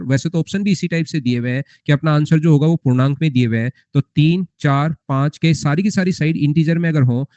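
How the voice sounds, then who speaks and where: A man's voice: a little high, warm tone, dry recording. A young man teaching a math class live, repeating points and quizzing his students with rhetorical questions. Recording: muffled lo-fi recording.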